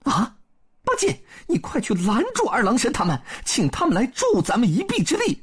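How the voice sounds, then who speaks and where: Storybook monkey hero: high and sharp, husky, hugely animated, cheeky and quick-witted. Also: male voice, heavily acted. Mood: eager. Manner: excitable, swooping delivery. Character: Monkey King, brash, clever, sociable monkey hero.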